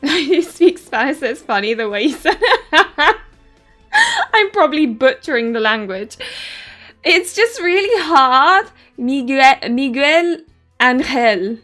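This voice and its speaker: This woman, with a southern English accent, reads a game's text aloud during a casual stream, laughing frequently and tripping on names. Her high-pitched voice is animated, pushed and bright, and she takes things slowly. There's faint game music in the background.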